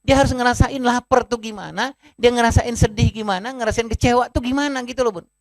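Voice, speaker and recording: A man's voice: extremely high pitch, fairly even intonation, quick pace, dry recording. A man giving a parenting seminar talk in a conversational manner, addressing the parents in the audience and acting out short family scenes. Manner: conversational, often addresses listeners as "Bun"; acts out short family dialogues in his talk. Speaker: parenting speaker.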